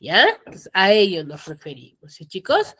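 A woman's voice: mid-range voice, very animated, moderate pace, fairly bright tone, slightly rough. A woman teaching an online class, explaining step by step and often stopping to check that students follow. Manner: asks students to mute their mics. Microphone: computer microphone on a video call.

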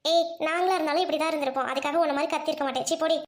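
A brash young college girl, put on by a woman who scolds and waves things off. She speaks in a bossy, deeper voice than the performer's own. It is an audio drama scene. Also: steady tone, rapid-fire, slight background noise, lightly acted. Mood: scolding. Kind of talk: Tamil audio drama acting.

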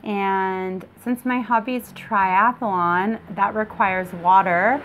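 A woman's voice: mid-range voice, takes it slowly, phone-quality sound, slight background noise. A woman in her thirties, a radio personality, chatting easily as an interview guest. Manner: relaxed, easygoing storytelling. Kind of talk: casual interview. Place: apartment by a window, indoors. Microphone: lapel mic.

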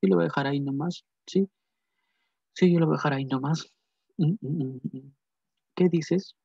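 A man's voice: on the high side, fairly quick, creaky, a little mellow, dry recording. A man teaching a math lesson, repeating phrases and asking and answering his own questions. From Peru. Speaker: math tutor. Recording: dull lo-fi dry sound.

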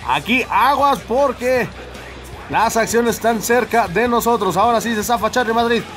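A man with a Mexican accent giving excitable, exclamatory live play-by-play commentary on wrestling. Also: very high voice, normal speed, soft background music.

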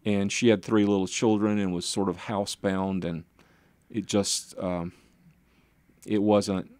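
Here a guest pastor and author, an older man, spins rambling, self-deprecating interview stories punctuated by chuckles. He speaks unhurriedly in a lowish, darkish voice with a flat delivery, and there's no echo.

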